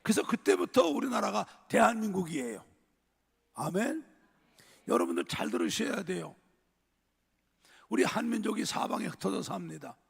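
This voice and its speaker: A man's voice: high voice, big pitch swings, normal speed, creaky, long pauses, slightly rough, in a large hall. An older male pastor preaching a sermon to his congregation in an emphatic style, repeatedly addressing the listeners directly. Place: church sanctuary.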